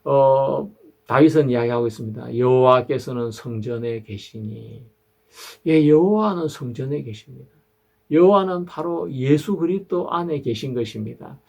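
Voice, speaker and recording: Gravelly older Korean pastor preaching. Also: male voice, fairly high pitch, expressive, normal speed, mellow. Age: 60s. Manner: earnest, questioning, many fillers. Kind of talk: sermon.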